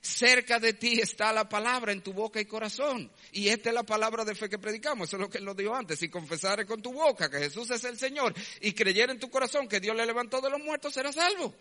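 A man's voice: high voice, fast, hardly any pauses, pushed and bright. A man preaching a sermon as a pastor, emphatic, acting out quoted voices and asking rhetorical questions. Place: church. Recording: long church hall reverb.

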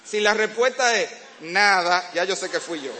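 Un predicador con acento dominicano que da un sermón sobre el matrimonio con humor e imita escenas de la vida en pareja. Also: male voice, high-pitched, lively intonation, fairly quick, pushed and bright. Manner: humorous, acts out domestic scenes. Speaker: preacher. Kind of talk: sermon to couples. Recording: reverberant hall, faint background noise.

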